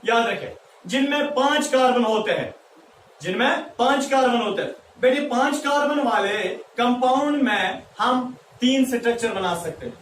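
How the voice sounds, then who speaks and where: A man's voice: very high voice, animated, moderate pace, fairly bright tone, slight background noise. A man teaching a chemistry class, talking to students as "beta" and playfully asking and answering his own questions. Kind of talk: classroom lecture. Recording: echoey room, mic far off.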